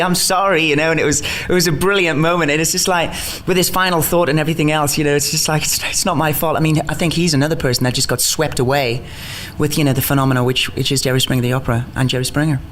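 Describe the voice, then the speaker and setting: A stage actor from North East England chats in a casual interview, his accent mostly worn-down Geordie with some American touches. His fairly high voice comes with a little hiss or hum as he talks rapidly and bubbly, laughing often and stumbling into restarts.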